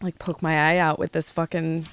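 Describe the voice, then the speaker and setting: A woman's voice: deep voice, level tone, moderate pace, smooth. A woman co-hosting a casual, giddy podcast outdoors on a backyard deck, speaking informally. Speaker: podcast co-host.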